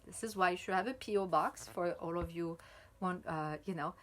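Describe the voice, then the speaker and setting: A woman from France with a French accent, a native French speaker, chatting casually as she reviews chocolate on video, thinking aloud with plenty of fillers and breaking into excited exclamations. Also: on the low side, moderate pace.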